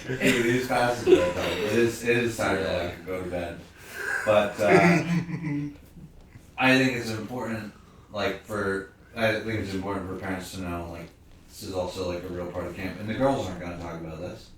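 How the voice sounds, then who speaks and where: A man hosts a relaxed couch conversation, rambling between jokes and slow deadpan asides. His voice sits low. The mic is far off in an echoey room, with a steady hiss underneath. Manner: joking, rambling, drops into slow deadpan bits. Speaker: host, camp staff member. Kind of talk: casual podcast chat. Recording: roomy, distant mic with background noise.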